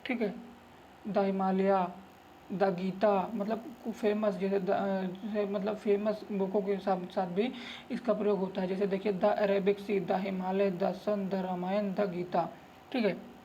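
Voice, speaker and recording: A man's voice: sits high, flat delivery, a little slow, warm tone, slight background noise. A man teaching an English grammar lesson, repeating his points and coaxing his students along with fond asides. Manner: repetitive, coaxing, keeps saying "look" and "okay"; calls students "babu" affectionately. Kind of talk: tutorial lesson.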